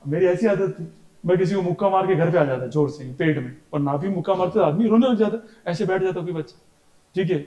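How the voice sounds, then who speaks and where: A man's voice: high voice, brisk, mellow. A male science teacher giving a classroom lecture, chatty and teasing, breaking into stories and imitations of his family. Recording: echoey classroom.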